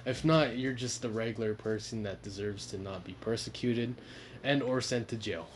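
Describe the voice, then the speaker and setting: A man's voice: lowish voice, normal speed, slight background noise. A young man co-hosting a casual podcast from his bedroom, joking and laughing often. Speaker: podcast co-host. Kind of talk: casual chat.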